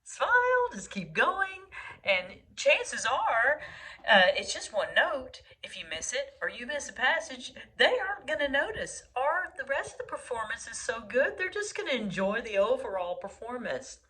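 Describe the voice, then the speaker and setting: Woman music teacher, bright, lively pitch, earnest and encouraging with students. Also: moderate pace. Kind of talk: video lesson to students.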